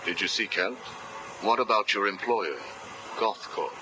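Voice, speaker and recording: A man's voice: fairly low pitch, a little slow. An actor playing a cold, manipulative male interrogator who asks clinical, probing questions, heard as a cassette tape recording. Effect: played back from a cassette tape recording. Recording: hissy cassette tape playback.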